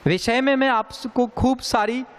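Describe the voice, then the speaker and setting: A man teaching a grammar lesson, speaking slowly and deliberately and repeating sounds for emphasis. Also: very high voice. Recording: long hall reverb.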